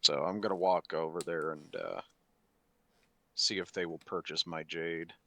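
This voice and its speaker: Deep-voiced man with a dry, bright tone. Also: steady tone, a little slow, gravelly. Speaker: player. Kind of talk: casual tabletop role-play.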